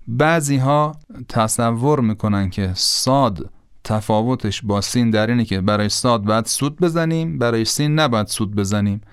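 A man gives a patient pronunciation lesson, saying each sound aloud to demonstrate it. His voice is exceptionally smooth and resonant. The sound is dry and close, with no room around it. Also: mid-range voice, dry recording. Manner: patient, explanatory, demonstrates sounds by repeating them. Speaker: recitation teacher.

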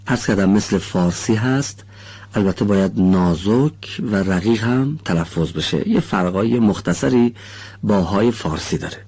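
A man teaching pronunciation in a studio lesson, polite and formal, patiently explaining and slowly stretching out syllables as he demonstrates. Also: lowish voice, animated, a little mellow, slightly rough. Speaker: Quran recitation teacher.

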